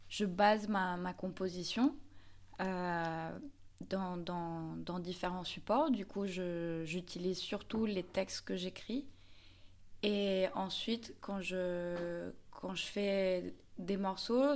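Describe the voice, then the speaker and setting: A woman's voice: medium pitch, a little mellow. A woman, a singer-songwriter answering interview questions thoughtfully, often searching for her words. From Mexico. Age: 30s.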